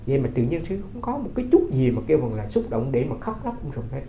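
Fast-talking monk. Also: male voice, medium pitch, very animated, warm tone, a little hiss or hum. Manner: conversational storytelling with rhetorical questions. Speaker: Buddhist monk. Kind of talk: dharma talk. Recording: roomy, slightly dull recording.

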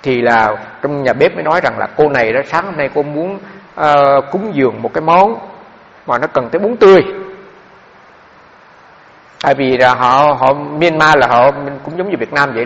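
A man's voice: mid-range voice, gravelly. A Buddhist monk gives a dharma talk full of stories, and he speaks to his listeners directly and with animation. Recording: dull, echoey hall.

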